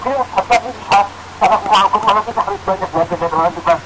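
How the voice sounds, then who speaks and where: A man from Indonesia speaks spontaneously as a radio caller. He is emphatic and admiring in his delivery. The phone recording is full of loud noise. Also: sits high, rapid-fire. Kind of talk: spontaneous call-in opinion. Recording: very noisy telephone call.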